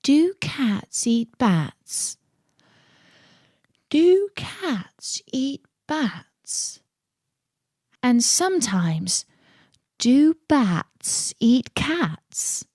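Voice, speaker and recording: A woman's voice: high voice, sing-song, drawn-out words, pauses often, darkish tone, dry recording, studio quality, pitched above the performer's own voice, heavily acted. Woman as a curious, dreamy storybook girl. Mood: sleepy, dreamy.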